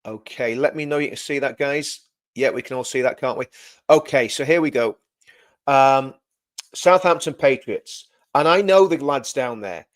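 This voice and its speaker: Speaking at normal speed in a loud, medium-pitched voice, a man hosts a relaxed livestream aimed straight at his viewers. He meanders, repeats himself, and corrects his phrasing as he talks.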